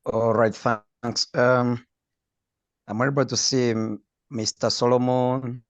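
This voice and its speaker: A man's voice: mid-range voice, flat delivery, slow pace, no echo. A man co-hosting an online meeting, politely calling on attendees one by one with brief prompts. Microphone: video call. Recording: dull dry online call audio.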